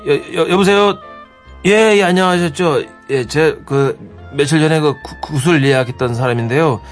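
A man's voice: fairly high pitch, normal speed, faint music behind, close to an everyday voice. A man voicing a timid, gullible brother-in-law in a radio comedy skit, stammering and panicking.

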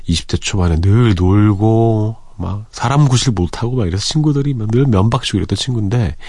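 A man in his forties hosting a late-night radio show, chatting easily and reading listener messages with soft breathy asides. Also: fairly low pitch, fairly quick, dry recording. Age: 40s. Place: radio studio. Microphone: close studio microphone.

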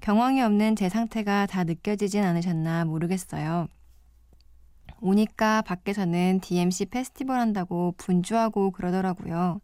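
A calm, reflective woman hosts a late-night radio program in a studio. Her voice sits at an ordinary middle pitch and sounds close and dry, with no room around it. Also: normal speed, clear, resonant tone, no echo. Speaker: guest radio DJ.

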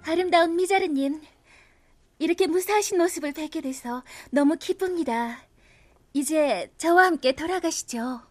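A woman playing a spirited, outspoken young heroine in an audio drama, expressive and exclamatory. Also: high-pitched, moderate pace, close to an everyday voice. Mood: earnest. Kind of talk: animated audio drama acting.

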